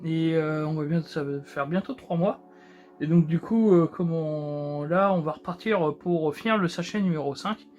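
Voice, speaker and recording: A man's voice: a little high, normal speed, a little mellow, muffled recording, soft background music. A man hosting his own show, chatting casually with many hesitations and restarts while he builds a model. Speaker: host.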